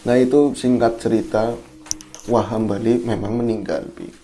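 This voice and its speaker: A man's voice: mid-range voice, steady tone, normal speed, dark tone, a little hiss or hum. A man co-hosting a podcast, telling a horror story in a casual, conversational way and checking in with his co-host.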